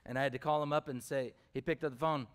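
A man's voice: mid-range voice, fairly even intonation, fast talker, clear, resonant tone. A man preaching a sermon, telling personal stories in a conversational way, with fillers and questions put to the congregation. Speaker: pastor.

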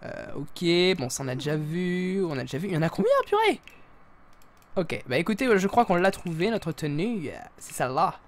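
A man's voice: fairly high pitch, expressive, normal speed, hardly any pauses. A man giving casual live gameplay commentary as a streamer, playful and self-mocking, with sudden exclamations. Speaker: gaming streamer.

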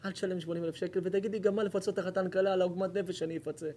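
A man, a rabbi telling a sermon story and acting out its dialogue, swinging between hushed lines and loud bursts. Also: high voice, level tone, slight background noise. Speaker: rabbi giving a Torah lesson. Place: hall at an evening lecture.

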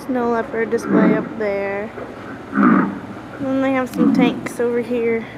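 The recording is muffled and noisy, taken on a handheld camera mic, as a young woman slowly narrates a walk through an indoor museum. Her voice is fairly high. She's a relaxed video tour host, pointing out exhibits as she goes.

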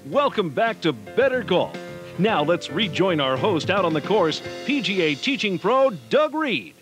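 An American man reading scripted infomercial narration with a hard-selling home shopping pitch. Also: big pitch swings, unhurried. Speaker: infomercial announcer. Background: music behind the voice.

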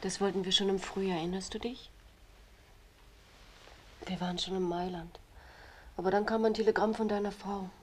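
A woman's voice: medium pitch, fairly even intonation, normal speed, pauses often, a little mellow, natural voice. An actress playing a young woman who is a married man's weary secret lover in a TV drama. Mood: wistful, hushed. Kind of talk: screen drama acting. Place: indoors, bedroom scene. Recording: faint noise, old TV soundtrack.

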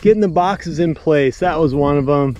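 A man in his thirties chatting casually to the camera while framing a barn outdoors, thinking out loud in a rambling, laid-back way. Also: a little high, normal speed. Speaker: builder vlogger. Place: outdoors at a barn construction site. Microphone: action camera, sometimes head-mounted.

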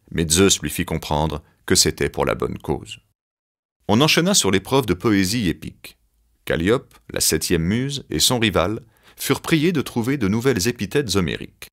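A man narrating a children's storybook cassette with expressive storytelling. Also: low-pitched.

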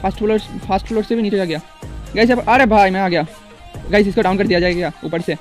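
A young man giving excitable, casual commentary over gameplay, repeating words in rapid bursts. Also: sits high, soft background music. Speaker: gaming YouTuber.

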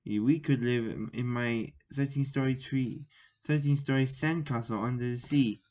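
A man's voice: medium pitch, steady tone, moderate pace, a little mellow, lightly acted. A lovestruck young mermaid speaks sweetly and a little impatiently, as a man reads her lines aloud. She is voiced plainly, like a storybook read at home, with the odd stumble over words. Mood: eager.

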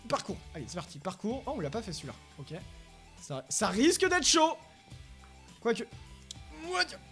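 Excitable gamer with a bright voice. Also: medium pitch, soft background music. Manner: excitable, bursts into shouted frustration at failures; reads English quiz questions haltingly with French pronunciation. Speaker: gaming YouTuber. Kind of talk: Let's Play commentary.

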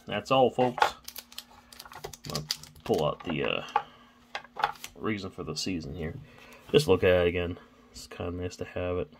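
A low-pitched man with a gravelly, creaky voice chats casually as he hosts his own vlog. He rambles and stammers a little, thinking out loud. Faint room ambience sits behind him. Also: a little hiss or hum. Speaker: card-opening channel host.

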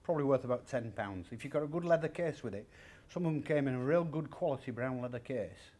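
Animated, quick and mellow, this chatty man in his fifties has a mid-range voice. He owns a large indoor secondhand furniture warehouse and, in an interview with object demonstration, plainly explains prices step by step.

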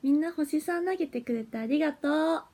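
A woman's voice: high voice, a little fast, dark tone. A young woman, an idol, chatting casually with viewers on a phone livestream, giggly and easily flustered. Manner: chatty and giggly, flustered when her stream freezes.

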